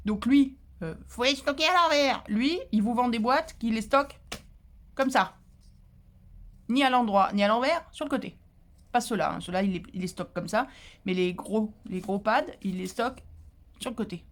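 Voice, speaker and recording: A woman vlogger chatting casually about crafting, talkative and lively, with many fillers, restarts and playful indignant asides. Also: fairly high pitch, moderate pace, long pauses.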